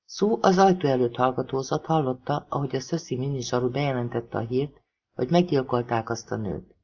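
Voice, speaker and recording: A narrator from Hungary reading a thriller novel aloud in an expressive audiobook style. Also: mid-range voice, slightly rough, highs cut off.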